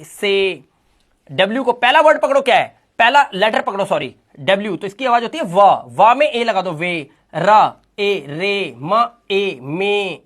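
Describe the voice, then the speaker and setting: A teacher from India giving a phonics lesson in Hindi, slowly spelling out vowel sounds and repeating example words. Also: mid-range voice. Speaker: English teacher.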